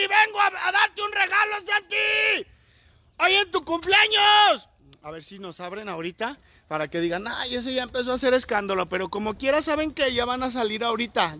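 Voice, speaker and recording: Playful Mexican male vlogger, bright, sharp tone, teasing and loud. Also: sits high. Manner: playful, teasing, calls out loudly. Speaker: vlogger delivering a birthday gift. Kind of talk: casual joking vlog chat. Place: outside and inside a primary school.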